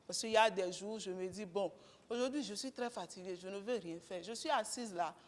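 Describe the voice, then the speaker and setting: A woman, a guest speaker talking candidly and conversationally, with gentle humor, to a breakfast audience. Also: medium pitch, brisk, in a large hall. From Benin. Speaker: guest speaker, mechanic and garage co-owner.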